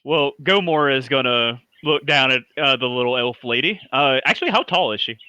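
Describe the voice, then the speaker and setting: A man's voice: mid-range voice, lively intonation, normal speed, pushed and bright, clean tone, no room sound, lo-fi sound. A man playing a tabletop game, chatting casually in a joking, slangy way and repeating his words. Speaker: player.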